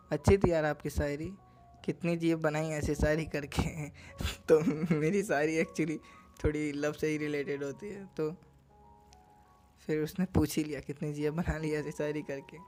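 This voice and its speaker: Male host, somewhat high-pitched, casual tutorial read, chuckles between lines, faint music bed. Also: darkish tone. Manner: reads out chat messages, chuckling between them. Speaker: dating tips video host.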